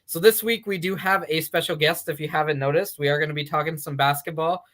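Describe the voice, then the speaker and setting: Higher-voiced man hosting a betting show. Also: steady tone, fairly bright tone. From Canada. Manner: halting, many uh fillers and restarts. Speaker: sports betting show host. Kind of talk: casual podcast chat.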